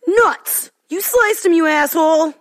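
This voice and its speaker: An outraged, brash cartoon fighter played by a woman, firing back at a villain. The voice is high and the words are drawn out. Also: animated, a little slow, pushed and bright, no echo, studio quality, heavily acted.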